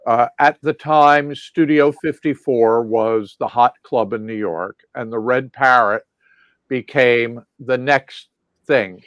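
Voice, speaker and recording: A man's voice: mid-range voice, slow, fairly bright tone, no room sound. Man recalling the past over a dull, lo-fi line. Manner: rambling, many fillers and restarts. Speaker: guest lighting designer. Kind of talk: casual recollection.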